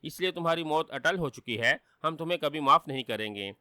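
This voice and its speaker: A man's voice: a little high, expressive, pushed and bright, dry recording. A man voicing a cruel demon king who roars his commands, in a dry storybook reading. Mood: thundering. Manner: thundering, commanding.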